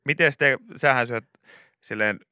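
A young man hosts a morning radio show with a crisp, resonant voice. He tells jokey stories and now and then shouts out an aside. The studio sound is close and dry. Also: medium pitch, no echo. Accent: Finnish. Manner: joking, animated storytelling with sudden shouted asides. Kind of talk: casual radio chat. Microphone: studio microphone.

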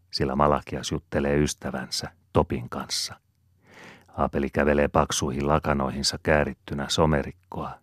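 Super deep-voiced guy reading an audiobook, calm and steady, dry sound. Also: no echo. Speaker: audiobook reader. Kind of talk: scripted narration.

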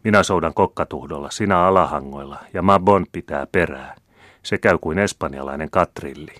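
A man's voice: rumbling low, fairly bright tone, no room sound, studio quality. A man reading a joking young boy. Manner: jesting, light. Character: playful teenage boy, joking.

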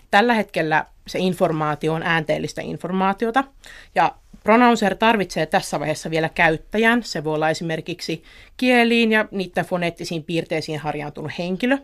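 Low-voiced research assistant explaining. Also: female voice. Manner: explanatory, methodical. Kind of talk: radio interview.

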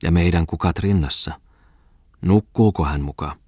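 Sly flirty farm wife as a male reader puts her on, raised husky voice, dry close sound. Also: low-pitched, warm tone, no echo. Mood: teasing. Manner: teasing, giggly, coaxing. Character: sly flirtatious former farm mistress woman. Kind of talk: audiobook character reading.

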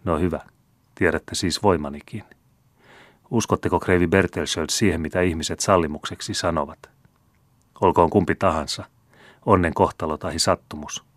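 A man reading the part of a scheming, vengeful male steward, speaking with hushed, sneering false humility in an audiobook. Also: deep voice, steady tone, long pauses, no echo. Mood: menacing. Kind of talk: audiobook character voice.

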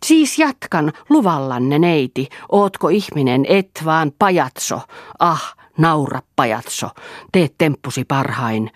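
A bitter young man cries out in wounded scorn, as a woman reading the story puts him on. His voice is husky and the sound is close and dry. It is an audiobook figure full of anguish. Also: a bass voice, a little mellow, dry recording, heavily acted.

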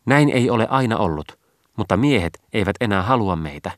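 A man's voice: fairly low pitch, animated, dry recording, clean studio sound, close to an everyday voice. A man voicing three lamenting maiden sisters speaking together in a storybook reading, mournful. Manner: wailing, mournful.

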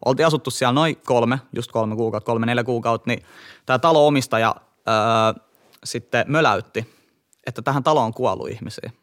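Animated young man telling a story. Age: young adult. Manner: animated, jumps up and down in pitch while telling a story. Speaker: podcast co-host. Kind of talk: casual storytelling chat.

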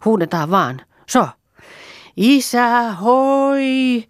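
A woman reading the part of an eager young farm girl who calls out high and loud in an audiobook. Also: big pitch swings, breathy edge, no room sound, studio quality, full character voice.

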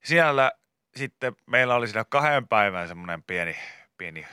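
A man's voice: fairly low pitch, expressive, pushed and bright, smooth, no echo, studio quality. A man hosting a morning radio show, chatting casually and telling rambling stories. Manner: rambling storyteller, laughs while talking. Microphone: studio microphone.

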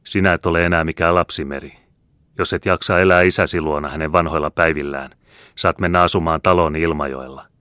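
A stern old farmer and father, used to being obeyed, speaks with firm certainty in a very low voice. A man reads him out in a dry audiobook sound. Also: steady tone, sharp tone, smooth, no room sound. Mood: commanding. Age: older. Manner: commanding, firm.

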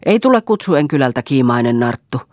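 A woman's voice: very deep voice, very animated, darkish tone, no echo, studio quality. A woman voicing a bitter old farm mother who screams taunts and mocks with spite. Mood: raging.

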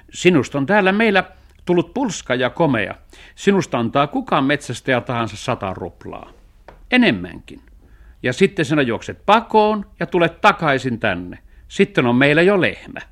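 A thrifty, sharp-tongued talking cat, as a man puts him on for a children's radio story. His voice sits well above a man's usual pitch and swoops up and down with lively movement. He reasons everything out in a dry, knowing way. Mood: scheming.

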